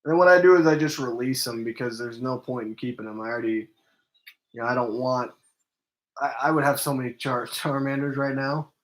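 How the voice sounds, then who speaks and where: A man's voice: medium pitch, brisk. A man hosting a casual game stream for his movie channel, rambling with lots of ums and restarts and sounding tired. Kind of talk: casual gaming stream chat.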